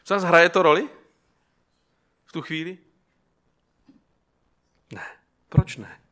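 A man gives a sermon in a bright, forceful voice that sits somewhat high for a man. He keeps asking the congregation rhetorical questions. He uses an everyday story to make his point. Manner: asks the listeners rhetorical questions; tells an illustrative story to the audience. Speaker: preacher.

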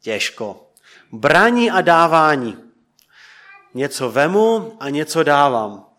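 A man preaching to a congregation in church, asking them questions and letting his voice sink soft and quiet at the ends of thoughts. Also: a little high, sing-song. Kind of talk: interactive sermon.

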